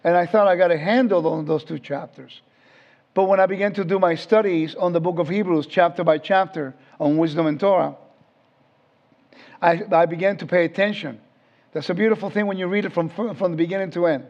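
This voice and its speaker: In a dull, lo-fi recording, a fifties-aged man from Puerto Rico teaches the Bible informally, quizzing his listeners as he goes. His voice sits high and moves a little fast, and his manner stays conversational.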